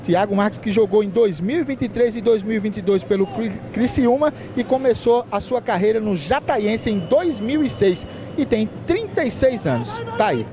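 A man's voice: high-pitched, expressive, moderate pace, crowd noise. A Brazilian man reporting player facts during a live football broadcast. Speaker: match reporter.

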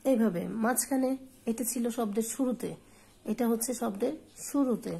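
A woman teacher giving a spoken lesson, saying example words slowly and repeating them for her pupils. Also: on the high side, creaky, mellow, slightly rough, poor audio. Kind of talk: slow spoken lesson on pronunciation.

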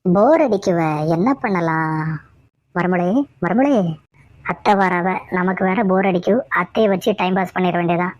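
A woman's voice: fairly low pitch, moderate pace, dry recording, lightly acted. Woman voicing a sulky cartoon daughter-in-law. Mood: scheming. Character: young daughter-in-law, mopey and sly. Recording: dull lo-fi dry audio.

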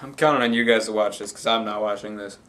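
A man's voice: fairly low pitch, fairly even intonation, quick pace, very noisy. A young man chatting casually to his camera in a living room, as a challenge vlogger. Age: young adult. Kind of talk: casual vlog chat to camera.

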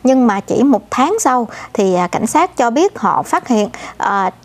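Sounding easygoing and chatty, a woman co-anchoring the news keeps addressing viewers as "thưa quý vị" and leans on frequent "à" fillers. Her pitch is fairly high.

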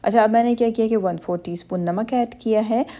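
A woman's voice: on the high side, a little fast, dark tone. A woman hosting a cooking channel, giving a step-by-step baking lesson in a reassuring, instructive voice-over. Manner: instructive, reassuring, addresses women viewers directly.

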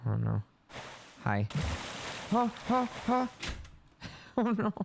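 Lets play voice, super animated, drawls slowly, reads game text and shrieks and laughs a lot. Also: mid-range voice, gravelly, background noise. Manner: excitable, breaks into panicked shrieks and laughter. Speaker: let's play gamer. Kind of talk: commentary on a video game. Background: game music.

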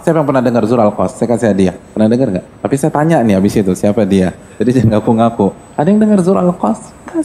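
Brief: male preacher, mellow and gravelly, animated storytelling sermon. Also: slight background noise. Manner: animated, acts out dialogue in a higher voice, addresses audience directly. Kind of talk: lively sermon storytelling to a congregation.

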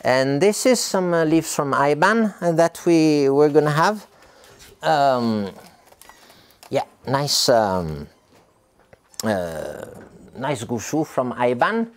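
A middle-aged tea farmer rambles casually through a vlog inside his tea factory, standing by a hot wok. His medium-pitched voice is animated but slow, with frequent pauses, lots of filler sounds and restarts.

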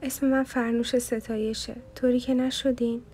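A woman's voice: a little high, level tone, mellow, husky. A woman reading the part of a polite, apologetic young female student.

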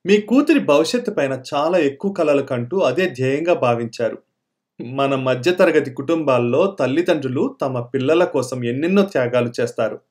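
A man reading a short story aloud as an audiobook narrator, telling it in an emotive, expressive way. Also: mid-range voice.

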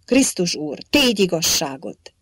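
A woman reading as a defiant, blustering old Hungarian warrior-king saint, speaking loudly in archaic phrases. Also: fairly low pitch, sing-song, husky, dry recording, studio quality. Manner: loud, blustering, archaic speech.

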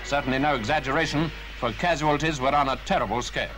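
A man narrating an old newsreel in a grave, formal, measured manner. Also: medium pitch, a bit bright, low-quality recording. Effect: old newsreel voice-over. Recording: voice-over with music underneath.

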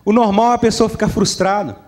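A man's voice: sits high, steady tone, fast, darkish tone. A man preaching a sermon at a church service. He speaks emphatically, repeats his phrases and keeps checking in with the congregation.

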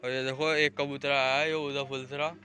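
A bright-voiced young man vlogs outdoors on a rooftop, showing his pigeons in casual, chatty narration while directing friends and calling out to viewers. His mid-range voice has little pitch movement at a moderate pace, and he films with a phone camera held in hand.

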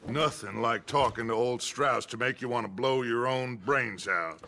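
Slow, grandiose outlaw gang leader. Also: male voice, mid-range voice, pushed and bright. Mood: wry, sociable. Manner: theatrical, eloquent, grandiose. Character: smooth-talking, commanding middle-aged male outlaw gang leader. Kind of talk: dramatic video game acting. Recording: music behind the voice.

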